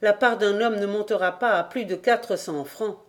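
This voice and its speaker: A woman's voice: mid-range voice, moderate pace, natural voice. A woman voicing a self-assured male customs officer in an audiobook, speaking matter-of-factly. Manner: matter-of-fact pronouncements.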